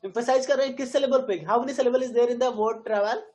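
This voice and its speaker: A woman with an Indian accent teaching an English grammar class, switching between Hindi and English and slowing right down to model stressed words. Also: on the high side, steady tone, darkish tone, rough recording. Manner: quizzes the students with frequent questions.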